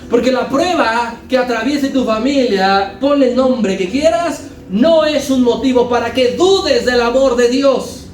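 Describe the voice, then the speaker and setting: A man's voice: very high-pitched, measured pace, hardly any pauses, roomy sound, distant mic, soft background music, rough recording. A man preaching a sermon as pastor, building emphasis and acting out quotes.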